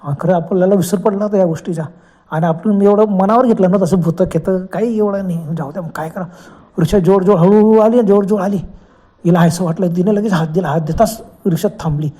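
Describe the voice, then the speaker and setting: Mellow husky male storyteller. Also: sits high, quick pace. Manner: dramatic, exclaiming. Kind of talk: horror story narration.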